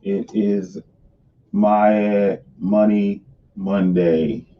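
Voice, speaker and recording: A man's voice: lowish voice, fairly even intonation, extremely slow. Man with cave-like echo, distant and dull. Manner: chatty and loose, often restarting his sentences. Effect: hollow, cave-like echo. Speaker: host of a live money stream. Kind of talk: casual live-stream chat. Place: home sunroom office. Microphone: camera on top of the computer screen. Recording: distant, dull webcam-mic sound in a hollow room.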